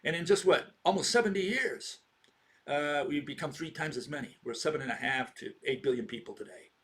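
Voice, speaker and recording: Man in his sixties, informal lecturer, slightly raised pitch, rambling and rhetorical. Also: a little fast, fairly bright tone. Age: 60s. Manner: rambling, asks himself rhetorical questions, keeps checking in with "okay?".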